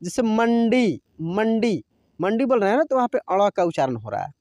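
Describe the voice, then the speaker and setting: A man's voice: high voice, wildly swooping pitch, racing, darkish tone, dry recording. A man teaching a Hindi reading lesson over a screen recording, patiently repeating each word aloud.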